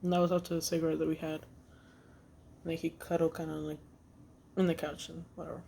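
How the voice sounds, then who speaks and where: A woman casually telling a personal story in a vlog, halting with fillers and restarts, blunt and swearing freely. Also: sits low, level tone, creaky, dark tone, breathy edge. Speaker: vlogger.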